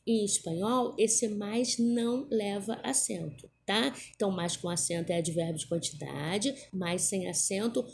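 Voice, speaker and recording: Woman, patient teacher, recorded lesson; slow, gravelly, mellow delivery with constant tag-question check-ins. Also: mid-range voice. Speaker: Spanish teacher. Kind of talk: recorded lesson for Portuguese speakers.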